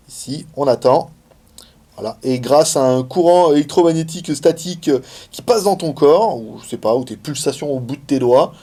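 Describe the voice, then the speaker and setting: A man's voice: fairly high pitch, mellow. A man giving a casual, chatty hands-on demo of a gadget, with many fillers and laughs. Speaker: tech reviewer. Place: indoors, filming in China.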